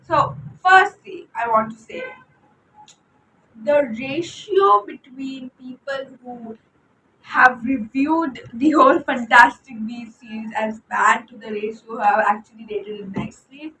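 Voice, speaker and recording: A young woman with an Indian accent chats loosely and excitedly about a film series, often restarting her sentences. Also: on the high side, slight background noise. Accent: Indian English. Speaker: book vlogger. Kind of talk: unscripted fan commentary. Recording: echoey room, distant mic.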